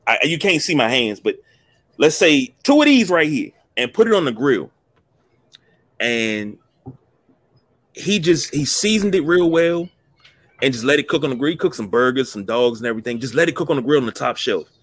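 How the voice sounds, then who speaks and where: A man's voice: medium pitch, big pitch swings, normal speed, long pauses, fairly bright tone, no room sound. A man hosts a podcast with easy, casual talk. He tells things in a folksy, jokey way, his mid-range voice recorded dry with hardly any room sound. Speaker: podcast host. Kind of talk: casual chat.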